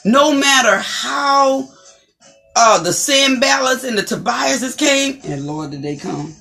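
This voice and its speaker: A woman co-hosting a talk show, speaking in an animated, emphatic, preacherly way about faith and perseverance. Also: high voice, slow pace, vocal fry, soft background music. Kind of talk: inspirational faith-based chat.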